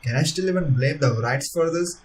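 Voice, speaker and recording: A man's voice: a little high, brisk, distant mic, poor audio. A man reading a visual novel aloud as narrator, with earnest delivery and laughing asides. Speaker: let's-play narrator. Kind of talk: reading a story game aloud with commentary.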